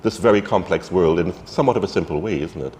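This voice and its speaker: Deep-voiced fast interviewer in a hall. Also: male voice, a little mellow. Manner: leading questions with tag endings. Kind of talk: interview questions. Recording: reverberant hall with faint noise.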